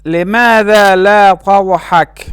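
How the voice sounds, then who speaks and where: Male language teacher, very slow deliberate delivery, high voice, dry close recording. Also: steady tone, fairly bright tone, smooth, no room sound. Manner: slow, careful pronunciation with repeated words.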